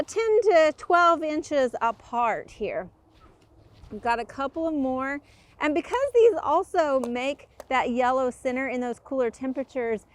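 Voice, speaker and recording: A woman hosts a gardening program. She explains each planting step in a friendly, patient way with small fillers. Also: high-pitched. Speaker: gardening show host. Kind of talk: instructional gardening talk and interview.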